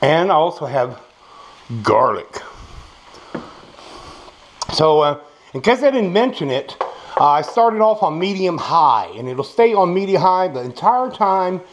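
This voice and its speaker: A man with a toothless way of speaking gives a casual, folksy cooking demo as a home cook in a small indoor kitchen, his fairly high voice swinging widely in pitch as he talks a little slowly with long pauses and savoring murmurs. The noisy recording is full of frying sizzle and clicks.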